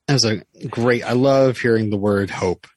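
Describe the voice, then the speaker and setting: A man co-hosting a casual podcast, chatty, laughing often and asking lively questions. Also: on the low side, normal speed, dry recording. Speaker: podcast co-host. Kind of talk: casual recap chat.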